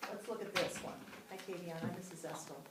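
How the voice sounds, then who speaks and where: A woman teacher runs a phonics lesson, patiently prompting children and asking them questions. Her voice sits a little low and is picked up from a distance in a roomy classroom. A steady hiss of noise runs under the recording. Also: brisk.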